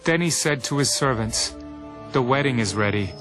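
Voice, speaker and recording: An actor playing Jesus in a scripture audio drama, a teacher speaking parables with solemn, measured authority. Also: male voice, mid-range voice, expressive, natural voice. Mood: measured storytelling. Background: music.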